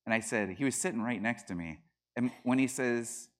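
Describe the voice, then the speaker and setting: A middle-aged man lectures a class in a voice of ordinary pitch. He builds his arguments with rising emphasis and slips into acted-out voices when quoting people. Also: normal speed. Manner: animated, acts out quoted voices with bursts of laughter. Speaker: teacher.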